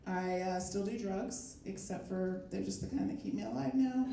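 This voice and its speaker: A middle-aged woman performing a stand-up comedy set, telling stories in a wry way with filler pauses. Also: mid-range voice, vocal fry, a loud crowd. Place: live comedy stage with audience. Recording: echoey live room from far off.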